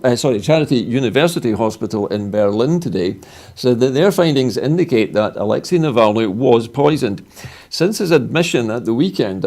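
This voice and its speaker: A man's voice: medium pitch, darkish tone. A man with a Scottish accent presenting the news, reading a statement and putting questions to guests, correcting small slips as he goes. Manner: reads bulletin text with small slips and corrections.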